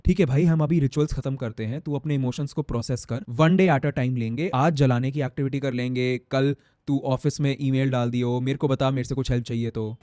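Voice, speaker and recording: A young man giving casual, slangy self-improvement advice to camera, swinging his pitch up and down. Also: darkish tone, dry recording, studio quality.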